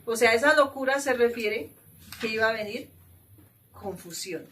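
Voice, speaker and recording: A woman teaching a Bible study, reading verses and then explaining them, and she often stops to ask her group questions. Her voice sits fairly high. She is recorded from across the room, with faint background noise. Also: lively intonation, normal speed, fairly bright tone, recorded from a distance, poor audio.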